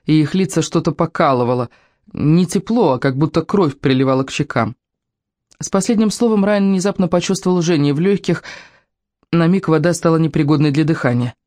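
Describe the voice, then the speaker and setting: An audiobook narrator reading a fantasy story in a steady, measured way. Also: medium pitch, no echo, studio quality.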